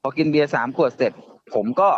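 Halting man telling a ghost story. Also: fairly high pitch, highs cut off. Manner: halting, repeats words and restarts often. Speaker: guest storyteller. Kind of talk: casual ghost story telling on a live show.

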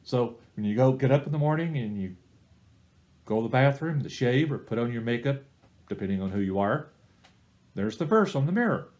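A middle-aged man leading a recorded church small-group Bible study, giving plain, step-by-step advice in an unhurried teaching manner. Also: mid-range voice, lively intonation, a little mellow.

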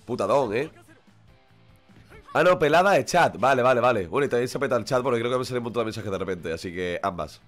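Excitable male streamer with a runny nose, sweary, swings wildly up and down in pitch, faint music behind. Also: fast talker. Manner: excitable, swears constantly, shouts at the game. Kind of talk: live gaming stream commentary.

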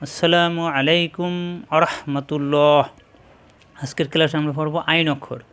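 A man with a Bangladeshi Bengali accent, teaching Quran reading and repeating each letter sound slowly and patiently. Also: fairly high pitch, fairly even intonation, a bit bright, clear, resonant tone. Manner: repeats each sound several times, explains pronunciation patiently. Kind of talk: slow drilled letter-by-letter recitation lesson.

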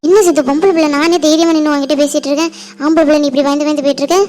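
A woman playing a feisty young college woman who talks fast and scolds with quick teasing jabs. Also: high voice, fairly even intonation, darkish tone, natural voice. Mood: scolding. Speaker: college student. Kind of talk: village family drama acting.

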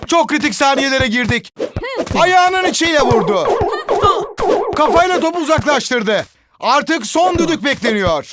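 A man playing an excitable football commentator in an arcade video game, screaming out short exclamations and drawn-out goal calls. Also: very high voice, heavy background noise, heavily acted. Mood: keyed-up.

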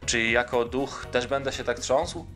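A man's voice: medium pitch, fairly even intonation, unhurried, sharp tone, faint music behind. A man reading aloud the lines of a freezing, weak young boy, asking frail questions.

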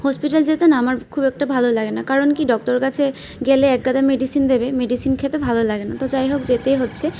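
Chatty young Bengali woman, high voice. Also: steady tone, fast talker, dark tone, slight background noise. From West Bengal, India. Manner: chatty, plain-spoken, many fillers. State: unwell with stomach pain. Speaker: vlogger. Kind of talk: casual vlog narration. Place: at home and out and about.

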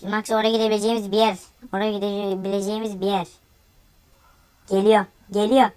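A woman giving excitable gameplay commentary, often exclaiming and laughing as she plays. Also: mid-range voice, rapid-fire, smooth. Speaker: gaming YouTuber.

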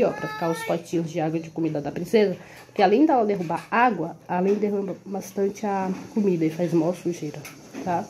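A woman's voice: medium pitch, warm tone, a little hiss or hum. A young woman with a Brazilian Portuguese accent, chatting casually in a home vlog, recorded on a phone held at arm's length in a small room. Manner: chatty, with many tag questions like "tá?" and "entendeu?". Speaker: vlogger and mother.

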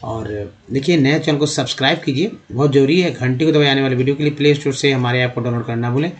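A man's voice: mid-range voice, fast. A man teaching English pronunciation, spelling out words letter by letter and asking and answering his own questions. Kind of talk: spoken English lesson.

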